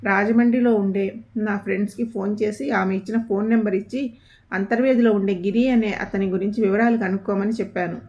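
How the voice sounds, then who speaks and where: A woman's voice: medium pitch, steady tone, fairly quick, a little mellow. Woman reading a somber family story. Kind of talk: scripted narration. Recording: dull lo-fi audio.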